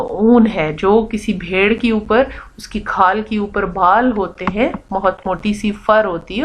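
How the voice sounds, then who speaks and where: Woman teacher explaining a story slowly. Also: medium pitch, rough recording. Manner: reads English lines slowly, then explains them in Urdu. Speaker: English teacher. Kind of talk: reading a story aloud and explaining it to pupils.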